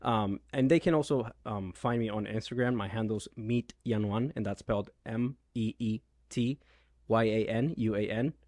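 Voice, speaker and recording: Low-voiced Venezuelan man, hesitant. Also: normal speed, a little mellow, no echo, studio quality. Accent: Venezuelan Spanish. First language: Spanish. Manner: hesitant, many ums and restarts. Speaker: realtor, guest. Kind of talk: casual interview.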